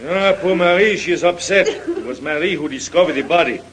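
An actor playing an excitable French innkeeper in an old-time radio drama, speaking broken English with a French accent and a fussy manner. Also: male voice, high-pitched, a little fast, a crowd in the background, close to an everyday voice, poor audio. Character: excitable French innkeeper, middle-aged man.

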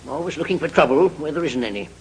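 An actor playing a gruff, dismissive old doctor in an old-time radio drama. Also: male voice, on the high side, animated, quick pace, crowd noise, close to an everyday voice, rough recording. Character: cranky old male doctor.

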